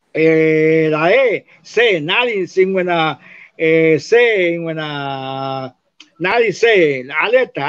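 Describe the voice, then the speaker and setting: A man teaching, explaining spelling and pronunciation slowly and repeating words to show how they sound. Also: sits high, a bit bright. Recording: dull lo-fi recording.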